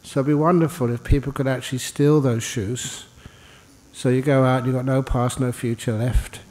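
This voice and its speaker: A monk and teacher leads a guided meditation in an indoor meditation hall, speaking informally in short, unhurried phrases with pauses and gentle humour. His mid-range voice keeps a fairly even intonation, trailed by long reverb.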